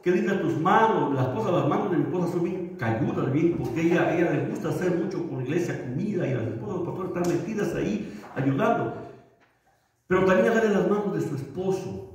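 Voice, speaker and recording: A man's voice: fairly high pitch, animated, a little fast, darkish tone. A man, a pastor, preaching a sermon with humor and acting out little dialogues. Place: church hall. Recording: echoey hall from far off.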